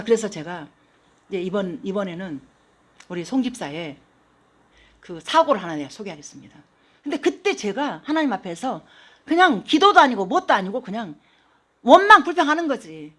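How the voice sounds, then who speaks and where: A woman pastor preaching a sermon in a church, telling stories with animated, acted-out quotes. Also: medium pitch, slightly rough. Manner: animated storytelling, acting out quoted voices. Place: church sanctuary.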